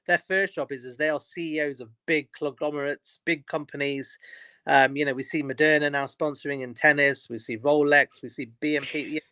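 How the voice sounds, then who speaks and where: Emphatic man, bright voice. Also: a little high, fairly even intonation, fairly quick, dry recording. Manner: emphatic, many restarts and repeated words. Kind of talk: casual podcast chat.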